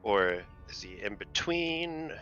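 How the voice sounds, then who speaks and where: A man playing a tabletop game talks slowly and loosely, swearing and trailing off. His voice is lowish with a bright edge, and the recording sounds slightly dull, with faint music behind. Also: very animated. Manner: laid-back, sweary, trailing off. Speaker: player. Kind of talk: casual tabletop play.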